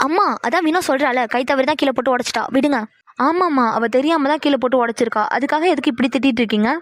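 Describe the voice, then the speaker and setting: A woman's voice: high-pitched, fast talker, no room sound. A woman voicing sisters in a cartoon, pleading and protective. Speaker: voice artist for sisters. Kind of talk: cartoon dialogue.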